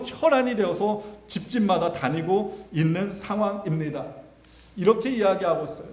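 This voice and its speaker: A male pastor preaching a sermon with dramatic swings of emphasis, speaking directly to his congregation. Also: sits high. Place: church sanctuary. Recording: echoey church sanctuary.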